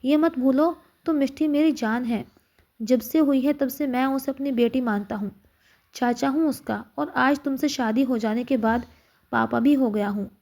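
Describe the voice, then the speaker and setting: A woman's voice: sits high, moderate pace, creaky, darkish tone. A woman voicing a stern, angry young husband. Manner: stern, clipped outbursts.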